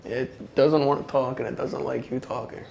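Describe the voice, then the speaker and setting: A man's voice: mid-range voice, fairly even intonation, moderate pace, creaky, a little mellow, a little hiss or hum. A man on a paranormal investigation, talking casually and hesitantly with many fillers. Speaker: investigator relaying spirit box words. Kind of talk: casual chat.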